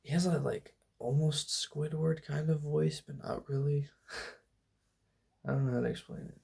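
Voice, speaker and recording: A young man talking softly in a loose, meandering ASMR ramble, laid-back and full of fillers. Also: on the high side, steady tone, a little slow, creaky, husky. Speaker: ASMR channel host. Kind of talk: soft-spoken ASMR rambling.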